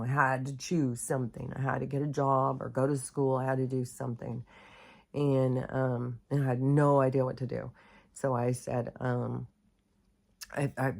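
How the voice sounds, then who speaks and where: A woman's voice: very deep voice, creaky, darkish tone. A middle-aged woman from the United States telling a personal story in a rambling, candid way, full of fillers and self-corrections. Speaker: host. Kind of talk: casual storytelling monologue.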